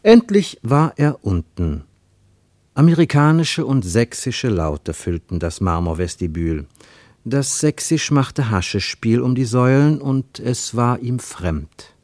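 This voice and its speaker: A man narrating a radio drama expressively, with an animated storyteller's delivery. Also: medium pitch, slow, no echo, clean studio sound.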